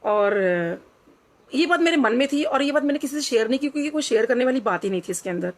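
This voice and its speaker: Woman, middle-aged, earnest storyteller, somewhat high voice, mixes English phrases into her speech. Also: animated, fast. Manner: earnest, reflective, drops into quoted dialogue, mixes in English phrases. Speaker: devotee sharing a testimony. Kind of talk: personal storytelling.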